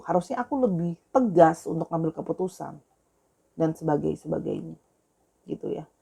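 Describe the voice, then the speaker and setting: A woman's voice: on the low side, creaky, warm tone, breathy edge. A young woman giving a casual tarot reading, chatty and affectionate, calling her viewers dear. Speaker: tarot reader.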